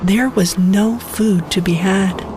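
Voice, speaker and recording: A woman's voice: mid-range voice, slow pace, a little mellow, soft background music, poor audio. A woman narrating a scripted bedtime story for children.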